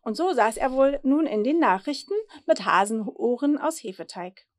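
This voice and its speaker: A woman's voice: a little high, animated, normal speed, no room sound, clean studio sound. A woman reading her children's story aloud, with chatty asides to the audience. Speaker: author reading her book.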